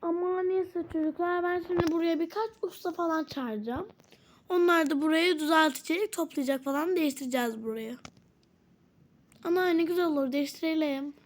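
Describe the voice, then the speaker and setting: A woman's voice: very high voice, fairly quick, a little hiss or hum. A woman casually role-playing a doll game, switching between characters and exclaiming often. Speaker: channel host playing all characters.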